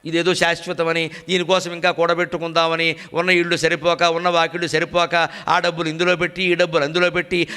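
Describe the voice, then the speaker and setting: A man giving a devotional discourse on a folk tale, with rhetorical repetitions and animated storytelling. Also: high voice. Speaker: spiritual speaker.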